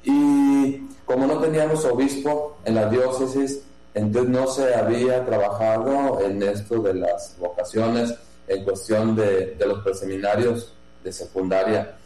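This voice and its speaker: A man from Jalisco, a priest who runs a seminary, answering interview questions slowly, with many pauses, fillers and restarts. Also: fairly low pitch, fairly even intonation, mellow. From Mexico, Jalisco. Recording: echoey room with mains hum.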